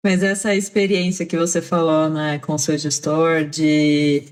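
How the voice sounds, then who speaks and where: A woman's voice: deep voice, level tone, unhurried. A Brazilian woman co-hosting a podcast, asking reflective follow-up questions in an encouraging way. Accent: Brazilian Portuguese. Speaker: podcast co-host. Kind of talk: casual interview chat.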